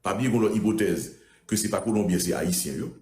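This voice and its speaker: A man's voice: on the low side, fairly quick, echoey room, a little hiss or hum. A man retelling a court testimony in casual talk, repeating phrases as he goes. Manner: repetitive, animated retelling.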